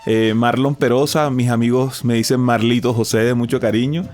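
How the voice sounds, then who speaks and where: A Colombian man, a musician guest in an interview, telling his story in a relaxed, hesitant way with many fillers and restarts. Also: mid-range voice, normal speed.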